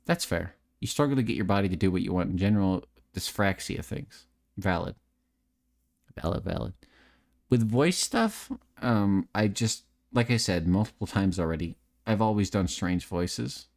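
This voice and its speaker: A man's voice: sits low, expressive, moderate pace, gravelly, a little mellow. A man streaming late at night, chatting candidly, repeating words and restarting sentences, swearing and joking at his own expense. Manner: swears freely, joking and self-mocking.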